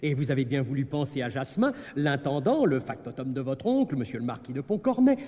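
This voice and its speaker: An actor playing a scheming, obsequious steward in a radio operetta, wheedling over money. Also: male voice, mid-range voice, animated, fairly quick, dark tone, lightly acted. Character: scheming male steward, oily and fawning. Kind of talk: 1960s radio operetta dialogue. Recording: reverberant radio studio recording.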